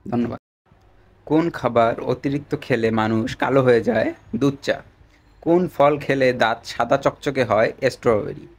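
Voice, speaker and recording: A man teaching short general-knowledge and exam tips, explaining step by step and quizzing with quick answers. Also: medium pitch, a little hiss or hum.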